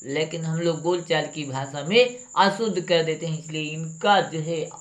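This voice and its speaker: A woman's voice: low voice, moderate pace. A woman teacher going through a spelling lesson, reading each word aloud and then correcting it with a question. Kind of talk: spelling lesson for exam students.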